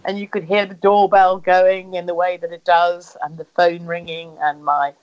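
A woman with a fairly low voice, little pitch movement, and a moderate pace tells personal family stories in conversation. She's from England, speaks with an English accent, and is an interviewee recounting family history who acts out remembered dialogue as she goes. The sound is slightly dull and lo-fi.

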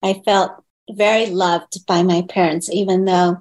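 Thoughtful woman recounting memories in interview. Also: flat delivery. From born in Hong Kong, raised in the United States. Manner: thoughtful and soft-spoken, pauses and restarts, raises her pitch to quote others. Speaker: interview guest. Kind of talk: reflective personal interview.

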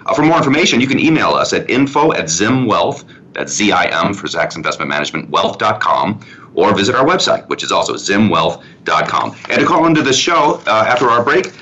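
A man's voice: on the low side, big pitch swings, brisk, bright, forceful tone. A man hosting a financial talk radio show in a conversational style. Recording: dull lo-fi sound, faint noise.

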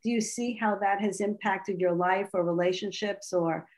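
Halting woman podcast host. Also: mid-range voice, steady tone, darkish tone, low-quality recording. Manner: halting, with frequent restarts. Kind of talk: podcast interview.

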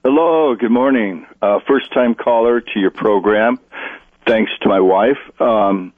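A man in his sixties, calling in over the phone to a radio show, telling his story haltingly. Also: on the low side, no echo. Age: 60s. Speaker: caller. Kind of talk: call-in question to a radio show. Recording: tinny phone line.

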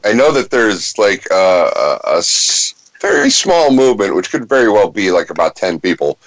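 Low-voiced man, dry close sound, hesitant. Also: big pitch swings, moderate pace, dry recording, low-quality recording. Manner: hesitant, wry, many likes and uhs. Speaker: podcast co-host. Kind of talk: casual chat.

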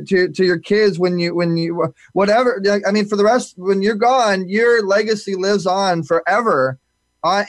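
A man's voice: sits high, no room sound. A man hosting a live talk show, rambling and repeating words as he talks. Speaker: host.

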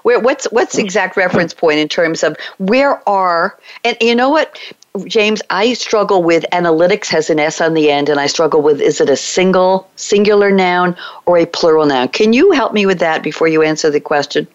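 A woman hosting a business podcast panel, bubbly and quick to laugh, on muffled lo-fi audio. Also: lowish voice, lively intonation, no room sound. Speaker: show host.

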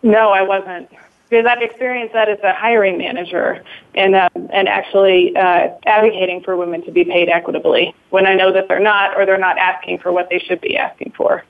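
A woman's voice: medium pitch, level tone, fairly quick. A woman speaking casually and a little hesitantly as a radio interview guest, calling in by phone. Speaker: talk show guest. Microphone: phone call into radio show. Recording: thin phone-line sound.

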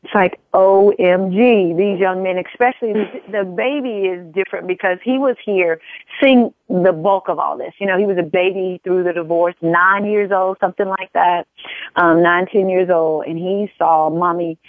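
A woman's voice: lowish voice, fairly even intonation, normal speed, dry recording. A woman in her forties talking as a guest in an interview, earnest and repeating phrases for emphasis. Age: 40s. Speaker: guest, empowerment coach. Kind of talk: casual interview conversation. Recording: tinny phone line.

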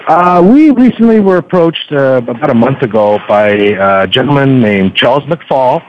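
Interviewed as a guest, a man who usually hosts a podcast speaks at normal speed in an animated, medium-pitched voice. He's chatty yet hesitant, with plenty of ums and filler phrases, and the sound is dull lo-fi radio.

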